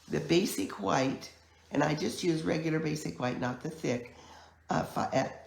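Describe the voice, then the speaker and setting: A woman with a croaky, hoarse voice from a chest cold, giving a chatty, step-by-step live online card-making class at her craft table. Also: low voice, darkish tone, a little hiss or hum. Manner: chatty, unhurried step-by-step explaining. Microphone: camera mic at a craft table. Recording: echoey room.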